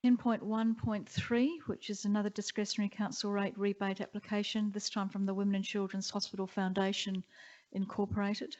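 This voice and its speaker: Woman mayor running council votes, flat steady tone, muffled lo-fi audio. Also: mid-range voice. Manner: brisk, procedural. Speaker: mayor chairing a council meeting. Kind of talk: formal meeting procedure.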